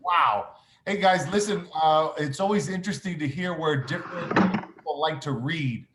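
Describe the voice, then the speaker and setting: With a fairly high-pitched voice at normal speed, a man acting as principal reads upbeat morning announcements through the school intercom, encouraging listeners and using "uh" a lot. The audio sounds like an intercom broadcast in an echoey room with faint noise.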